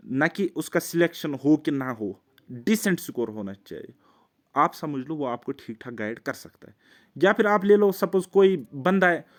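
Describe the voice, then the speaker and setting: A man from Jammu and Kashmir giving casual exam-coaching advice to camera, conversational and earnest, checking in often with his listeners. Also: on the high side. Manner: conversational, keeps checking with "ठीक है"; earnest, pleading repetition. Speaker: exam coach and channel host.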